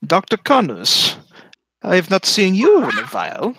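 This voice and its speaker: A scheming little gnome scientist, as a man puts him on, speaking in a sly, mock-polite way, set noticeably higher than his own husky, bright voice and recorded dry and close. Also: wildly swooping pitch, normal speed, dry recording, exaggerated voice. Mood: smug.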